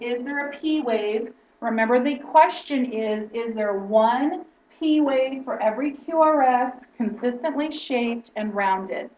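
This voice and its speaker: A woman instructor teaching a lesson in lecture style, explaining step by step and often checking in with "okay?". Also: high-pitched. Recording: roomy, distant, dull lo-fi sound.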